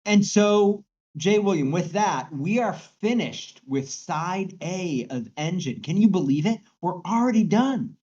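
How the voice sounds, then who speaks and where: A man's voice: sits high, lively intonation, unhurried, a little mellow, highs cut off. A man co-hosting a podcast, chatting casually about music with frequent restarts and repeated words. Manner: hesitant, repeats words while thinking. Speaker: podcast co-host.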